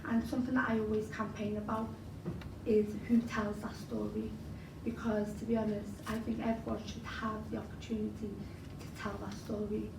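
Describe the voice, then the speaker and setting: Speaking at a normal pace with vocal fry and little pitch movement, this mid-range-voiced young woman chats through an interview, peppering it with fillers and you-knows. She is a Scouse-accented spoken word poet from Liverpool whose first language was Arabic, captured distantly in a noisy, echoing event hall.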